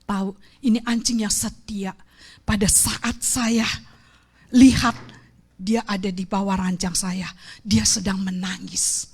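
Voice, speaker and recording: A woman evangelist giving an emotional testimony sermon in a church, moving from hushed whispers to loud, fervent exclamations. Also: medium pitch, steady tone, takes it slowly, pauses often, husky. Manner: addresses the congregation as "saudara" and mixes in English phrases. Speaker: evangelist preacher. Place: church sanctuary.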